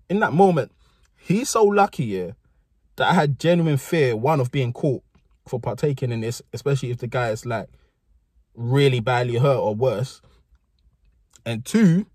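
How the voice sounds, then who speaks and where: A young man spins a story in loose street slang and acts out every person he quotes. His voice is mid-pitched with a husky edge. The recording is dry. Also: normal speed, a little mellow, no echo. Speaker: storyteller host. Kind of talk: casual storytelling.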